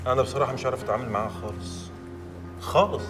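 An actor with an Egyptian accent playing an exasperated young newlywed husband in a TV drama. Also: male voice, medium pitch, very fast, recorded from a distance, close to an everyday voice. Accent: Egyptian Arabic. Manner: pleading, then exasperated. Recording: music under the dialogue.

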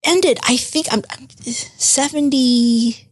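A woman in her forties, born in Vietnam, telling her life story as a guest in a studio interview, animated and acting out what others said. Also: sits high, slow, dry recording. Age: 40s. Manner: animated storytelling, acts out quoted voices. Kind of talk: conversational interview.

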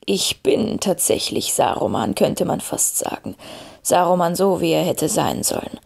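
A woman voicing an old male wizard who speaks slowly and gravely, calm and wise. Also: fairly low pitch, voice pushed down, full character voice. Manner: slow, grave, measured speech.

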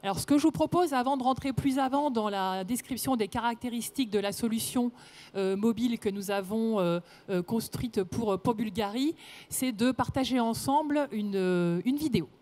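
A woman speaks as a presenter at a conference. Her voice is a little higher than average, delivered into a handheld microphone in a public presentation style. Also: moderate pace, mellow. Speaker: conference presenter, partner manager. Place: trade-show conference stage, indoors.

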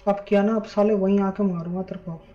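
High-voiced streamer scolding a teammate. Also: male voice, flat delivery, fairly quick, warm tone, lo-fi sound, soft background music. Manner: scolding, profane banter. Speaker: livestreamer. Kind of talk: casual gaming chat. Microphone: headset.

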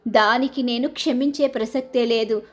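A stern middle-aged mother-in-law scolds her household, as a woman puts her on, her high voice pressing each point slowly and with indignation. It is a storybook-style recap voice, not a full character performance. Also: steady tone, natural voice. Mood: indignant. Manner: indignant, scolding, drawn-out emphatic phrasing.

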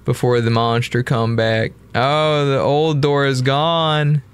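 A man's voice: mid-range voice, steady tone, takes it slowly, clear, resonant tone. A man giving casual, playful, teasing commentary while playing a horror game. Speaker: gameplay commentator.

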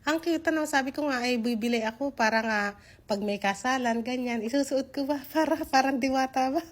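A woman's voice: high voice, fairly quick. A woman from the Philippines, narrating a casual vlog in a chatty way that breaks easily into laughter. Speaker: vlogger. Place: inside a car.

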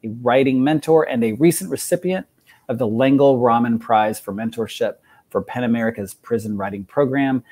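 A man's voice: mid-range voice, normal speed, a little mellow. A man hosting an online poetry reading, introducing the next poet in a friendly, joking way with frequent fillers. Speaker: host of the reading. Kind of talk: event introduction.

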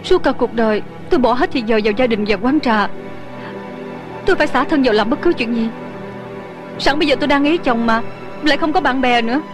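A woman voices a fierce, proud young tea-shop owner in a dubbed TV drama, her voice very high and her words coming fast. She sounds sharp-tongued and tearful, with a music score playing clearly behind her. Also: natural voice. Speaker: voice actress. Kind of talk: Vietnamese dub of a Hong Kong TV drama.

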